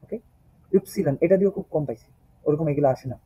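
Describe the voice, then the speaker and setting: A man's voice: a little high, a little fast, breathy edge, no echo. A man teaching German in an online class. He spells out the alphabet patiently and repeats each sound several times. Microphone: laptop mic on a video call. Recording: dull lo-fi video call audio.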